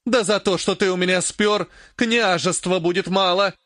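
A man reading an audiobook, voicing a furious, grasping old woman mage in a raised, shrill, scolding voice. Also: animated, normal speed, fairly bright tone, no echo, studio quality. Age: older.

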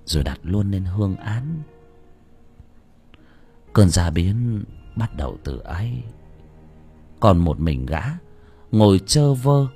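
A man narrating an audiobook with expressive, lively storytelling. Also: fairly low pitch. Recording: dry close mic with faint background music.

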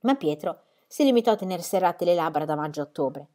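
A woman's voice: fairly low pitch, animated, fairly quick, dark tone. Woman reading a story aloud. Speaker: reader. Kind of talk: audiobook reading.

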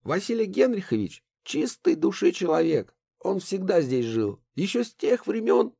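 A man reading an audiobook, voicing an indignant, gossipy elderly woman neighbor with a shrill, scolding manner. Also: big pitch swings, normal speed, creaky, dark tone, breathy edge, no echo, heavily acted.

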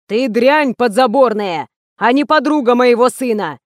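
Woman playing a barking old man, gruff, slow and hostile. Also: fairly high pitch, no room sound, studio quality.

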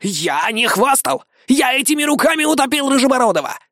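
A man voicing a boastful, indignant young male warrior who shouts in a high, strained voice. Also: big pitch swings, fairly quick, no echo, full character voice. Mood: indignant shouting. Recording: dry close studio audio.

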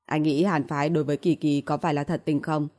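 A woman's voice: sits low, flat delivery, fast, mellow, close to an everyday voice. A woman voicing a careless, brash young man who blurts things out, in an audiobook reading. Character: careless young man, loud and easily surprised.

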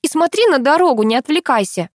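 Lady reading as a huffy squeaky schoolgirl, way higher, dry audiobook sound. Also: animated, fast, no room sound. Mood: indignant. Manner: indignant, squeaky. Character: bossy prickly teenage girl, quick to bristle. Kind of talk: audiobook character voice.

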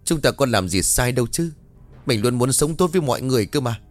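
A man voicing a gentle daughter-in-law who soothes and reassures her family in a story. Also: medium pitch, animated, quick pace, faint music behind, voice pushed up, lightly acted. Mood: soothing. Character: gentle young woman, comforting daughter-in-law.

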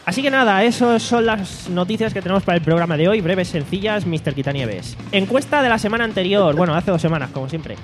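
Fast-talking and expressive, this high-voiced podcast host barely pauses as he jokes his way through news and poll results. He's recording in a studio away from home, with faint music underneath.

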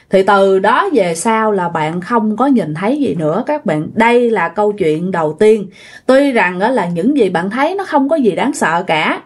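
A woman with a Southern Vietnamese accent narrating ghost stories in a chatty way, speaking directly to her listeners. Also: mid-range voice. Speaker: storyteller.

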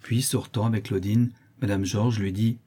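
A man narrating a classic novel as an audiobook, in a measured, even storytelling manner. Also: lowish voice, slightly rough.

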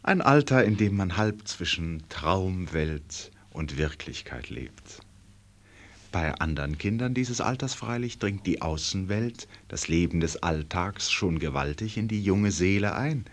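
An actor as the urbane narrator of a radio play, telling the story in a measured, ironic way. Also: male voice, deep voice, animated. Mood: wry. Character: wry, urbane male storyteller.

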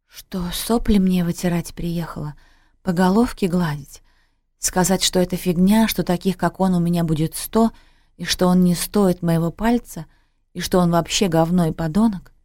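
A woman reading a story, voicing a bitter young adult daughter who speaks in a slow, scornful hiss. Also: lowish voice, darkish tone, no room sound, clean studio sound, lightly acted. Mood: venomous hiss. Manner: slow hissing whisper, scornful.

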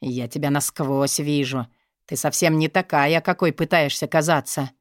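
A woman voicing a domineering, mocking male boss in an audiobook, speaking low and menacing. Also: steady tone, moderate pace, no room sound, studio quality, natural voice.

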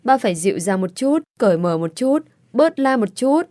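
A woman's voice: on the high side, sing-song, moderate pace, a little mellow, dry recording, voice pushed up. A playful young daughter who teases, pleads and sulks, as a woman reads her in a storybook. The delivery is cheeky and coaxing, and it sounds dry and close to the mic. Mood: teasing.

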